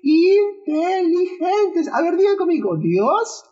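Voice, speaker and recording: A woman playing a squeaky-high, playful boy puppet leads kids in a church puppet show, chuckling at its own jokes and calling for the children to repeat after it. The voice sits way up high, and the recording is dull and lo-fi. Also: sing-song, slow pace, warm tone, soft background music, exaggerated voice. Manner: playful, laughs at own jokes, call-and-response.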